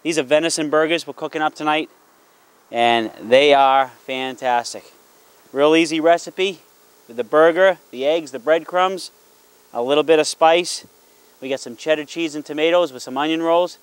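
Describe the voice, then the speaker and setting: A man's voice: fairly high pitch, normal speed, clean tone, no echo, poor audio. A middle-aged man with a folksy, encouraging barbecue-dad manner, explaining things casually as he hosts. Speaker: dad hosting a hunting and fishing show. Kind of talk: casual explaining to family and camera.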